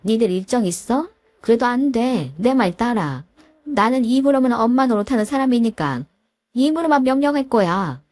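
A domineering older mother-in-law scolds in a sharp, commanding way, as a woman reads her in a fairly high voice. The recording is dry and close, with no room sound. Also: animated, moderate pace, no room sound. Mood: scolding.

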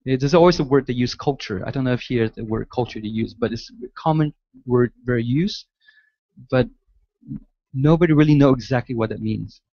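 A man's voice: mid-range voice, brisk, dark tone, no echo. Hesitant man answering questions, dull lo-fi sound. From Malaysia, raised in the United States. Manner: hesitant, many restarts and fillers. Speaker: guest architect lecturer. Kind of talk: answering audience questions at a lecture. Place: large lecture hall.

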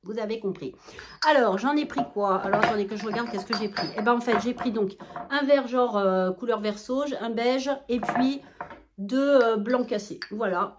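A woman's voice: mid-range voice, a little hiss or hum. Chatty woman showing her shopping haul. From southwest France. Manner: animated, talkative, many fillers and asides to viewers. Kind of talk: chatty product haul vlog.

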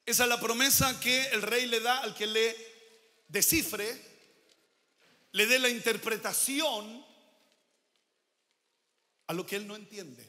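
A pastor preaching a sermon with emphatic declarations and quiet asides. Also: male voice, extremely high pitch, slow pace, pauses often, in a large hall.

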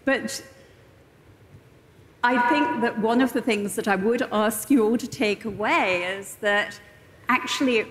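Female guest expert, measured explaining, medium pitch, echoey hall with long reverb. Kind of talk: on-stage interview, advisory explanation. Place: large indoor conference stage.

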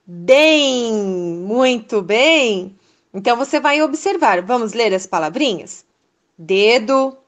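A Brazilian woman teacher leading a first-grade lesson, reading words slowly and praising the children. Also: on the high side. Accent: Brazilian Portuguese. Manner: slow, syllable-by-syllable, encouraging.

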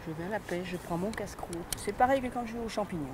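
A woman's voice: mid-range voice, fast talker. An older woman chatting cheerfully while fishing on a riverside platform outdoors, as an angling club president. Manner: chatty, cheerful, laughs easily. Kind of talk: casual chat while fishing. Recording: outdoor riverside recording with steady noise.

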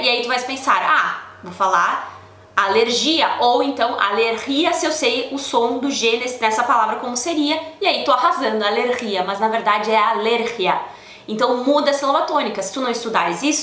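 A woman's voice: fairly high pitch, fairly bright tone, roomy sound. A woman giving a casual video lesson as a Spanish teacher, chatty and self-correcting. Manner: chatty, many filler "né?" tags, self-correcting.

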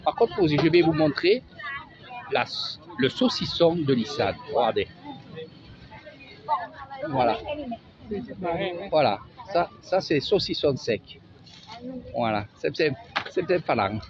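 A man's voice: on the high side, very animated, slow pace, vocal fry, pauses often, a crowd in the background. Sing-song man with a Marseille accent. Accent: Marseille French. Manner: chatty, sing-song, pointing things out. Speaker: travel vlogger. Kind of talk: casual walking market tour. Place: outdoor street market. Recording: dull lo-fi audio with music.

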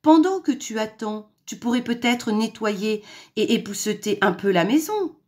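A woman voicing a sly, clever mother hen in a children's storybook reading, brisk and bossy while she schemes. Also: a little high, animated, a little mellow, natural voice.

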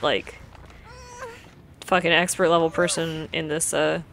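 A woman's voice: sits low, flat delivery, a little slow, vocal fry, a bit bright, a little hiss or hum. A woman streaming a video game, talking to herself through the match in blunt, profane commentary. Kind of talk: live gameplay commentary.

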